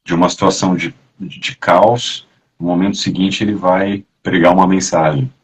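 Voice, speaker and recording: A man talks as a guest in a relaxed, chatty way, often dropping casual fillers. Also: sits low, moderate pace, breathy edge, low-quality recording. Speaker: guest actor. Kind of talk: casual conversation.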